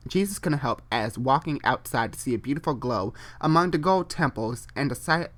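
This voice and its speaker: Someone hosting a comedic reading of amateur internet fiction performs it dramatically and without a filter, at a medium pitch. They pause for offhand asides and go back over any phrases they trip on.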